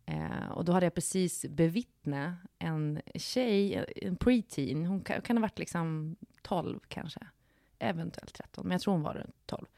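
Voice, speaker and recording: A woman's voice: lowish voice, vocal fry, hardly any pauses, dark tone, no echo, clean studio sound. A woman co-hosting a casual podcast, telling detailed everyday anecdotes in a chatty way. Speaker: podcast co-host. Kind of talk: casual chat.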